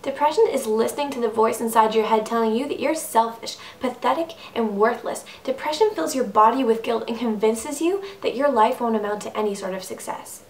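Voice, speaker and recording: Speaking briskly with few pauses, a young adult slam poet performs her piece with earnest emphasis and a steady rhythm. Her pitch is fairly high. The sound is roomy and distant, carrying faint noise.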